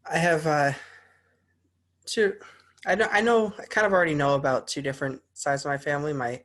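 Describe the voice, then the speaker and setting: Sharing in an online class over a video call, this young American college student talks informally and somewhat hesitantly in a fairly high, slightly bright voice. It's a casual spoken class presentation from a young adult.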